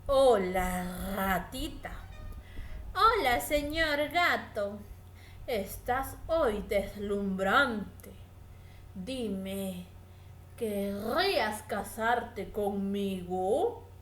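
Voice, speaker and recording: A woman voicing a smooth-talking male cat suitor in a children's storybook reading, soft and sweet. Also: medium pitch, animated, very slow, slight background noise. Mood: courting. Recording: echoey room.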